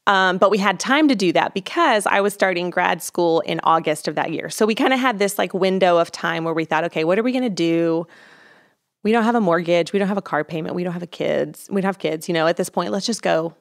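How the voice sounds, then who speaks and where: A woman's voice: fairly low pitch, a little fast. A woman in her thirties, a counselor, talking candidly and reflectively as an interview guest, with frequent ums. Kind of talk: conversational interview.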